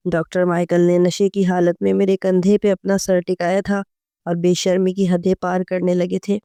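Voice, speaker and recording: Mellow, smooth-voiced woman storyteller. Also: mid-range voice, no echo. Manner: steady, earnest storytelling. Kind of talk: first-person story narration.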